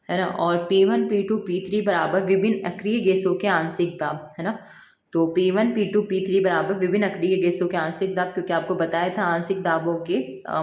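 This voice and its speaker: A woman's voice: lowish voice, lo-fi sound. Chatty woman teacher with a Rajasthani Hindi accent. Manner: chatty, teasing students, explains step by step. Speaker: chemistry teacher. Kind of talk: casual teaching lesson. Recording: echoey room.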